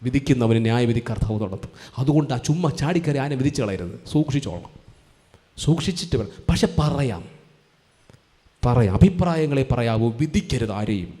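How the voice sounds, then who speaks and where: A man's voice: medium pitch, expressive, brisk, warm tone. A man preaching a sermon to a congregation, pleading and repeating his warnings urgently. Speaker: pastor.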